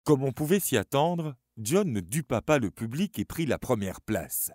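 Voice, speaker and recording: Expressive male story narrator. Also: medium pitch, normal speed, no room sound, studio quality. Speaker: audiobook narrator.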